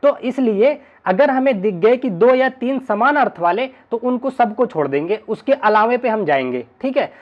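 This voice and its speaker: A man's voice: very high-pitched, animated, normal speed, hardly any pauses, lo-fi sound. A male teacher giving an online exam-prep lesson, chatty and constantly checking in with his students. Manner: chatty, keeps checking in with "ठीक है ना".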